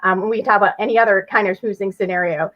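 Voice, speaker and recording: A woman's voice: medium pitch, steady tone, very fast, a little hiss or hum. A woman speaking as an interview guest, explaining things conversationally and chattily with everyday examples. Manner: chatty, illustrates with hypothetical examples. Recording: slightly dull, lo-fi audio.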